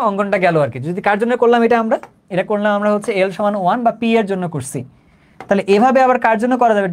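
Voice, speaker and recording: Male tutor, rapid and chatty online lecture, keeps asking if it's clear. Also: sits high. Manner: conversational, repeats phrases, checks understanding often. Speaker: chemistry teacher.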